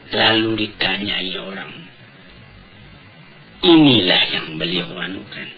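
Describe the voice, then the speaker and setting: A man preaching a sermon on an old cassette tape recording, deliberate and emphatic, asking rhetorical questions. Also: sits low, animated, pushed and bright, muffled recording, faint music behind.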